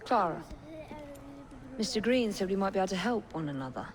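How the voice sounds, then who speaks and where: An actress playing a composed, determined young Victorian assassin in a game, with an English accent and a direct, dry manner. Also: female voice, mid-range voice, animated, a little fast, slight background noise, close to an everyday voice. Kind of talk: video game cutscene acting. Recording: loud music and crowd behind.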